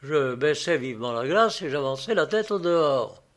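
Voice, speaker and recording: A man reading a literary story aloud in a measured, even storytelling manner. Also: a little high. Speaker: narrator.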